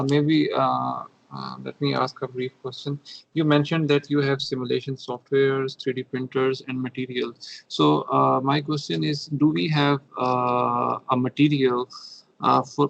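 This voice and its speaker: Flat gravelly man, far off. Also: mid-range voice, highs cut off. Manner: halting, many fillers. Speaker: team member asking questions. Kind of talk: questioning on a call.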